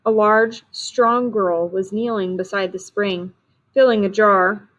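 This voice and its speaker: A woman's voice: medium pitch, steady tone, slow pace, fairly bright tone, poor audio. Woman reading a storybook aloud. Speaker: reader.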